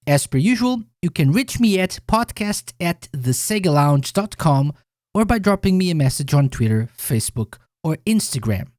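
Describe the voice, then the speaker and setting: A man's voice: a little high, very animated, normal speed, darkish tone, no echo, studio quality. A man hosting a podcast, reading a scripted intro and then chatting with a guest in an upbeat way. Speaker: podcast host. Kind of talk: scripted intro then casual interview chat.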